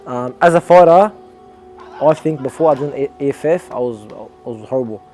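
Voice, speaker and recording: A man's voice: mid-range voice, normal speed, warm tone, soft background music. A young Australian man, an amateur boxer, talking earnestly and reflectively in a documentary interview, often restarting his sentences.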